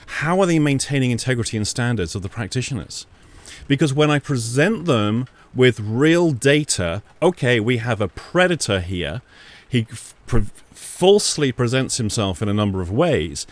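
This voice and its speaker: A man's voice: medium pitch, animated. A man recording in an attic, giving an informal, sardonic monologue to an online audience with pointed repetition. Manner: sardonic, with rhetorical questions and deliberate repetition. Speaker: video commentator exposing false claims.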